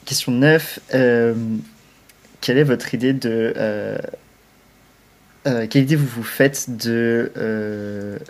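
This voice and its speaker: A man's voice: medium pitch, slow. A man hosting a podcast and asking questions, flustered and self-mocking in casual chat.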